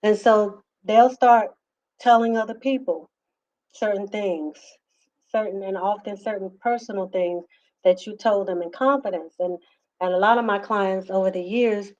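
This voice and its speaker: A woman's voice: mid-range voice, normal speed, a little mellow. A woman counselor giving earnest advice, talking with many fillers and restarts. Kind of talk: advice talk to camera. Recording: slightly dull lo-fi sound.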